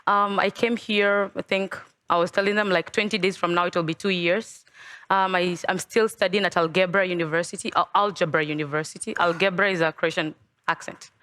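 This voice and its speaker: A woman's voice: fairly low pitch, fairly even intonation, fairly quick, a bit bright, dry recording. A woman, speaking as a panel guest, hesitant with frequent ums. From Kenya.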